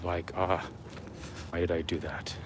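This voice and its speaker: This live streamer has a low voice with flat delivery and a measured pace. He walks outdoors on a city waterfront, rambling casually to viewers, with traffic noise and urban ambience behind him.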